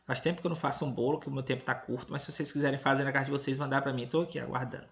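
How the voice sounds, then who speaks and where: A man's voice: mid-range voice, little pitch movement, rapid-fire, gravelly, fairly bright tone. A man from Brazil with a Brazilian accent, reading a school lesson aloud to children and checking in often to see if they follow. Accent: Brazilian Portuguese, Tocantins. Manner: patient, checks in with "entendeu?" and "beleza?"; playful, teasing about giving away answers. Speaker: teacher.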